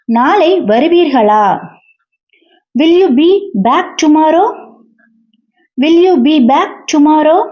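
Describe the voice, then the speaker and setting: High-voiced woman teaching in slow, deliberate repetition. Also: warm tone. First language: Tamil. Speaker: English teacher. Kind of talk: language lesson, sentences read and repeated. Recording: dull lo-fi recording.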